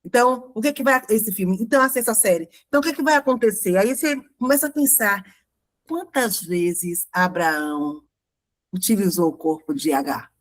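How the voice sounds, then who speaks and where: A woman's voice: medium pitch, normal speed. A Brazilian woman pastor with a Brazilian Portuguese accent, preaching in a conversational sermon style full of fillers and rhetorical questions. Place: church.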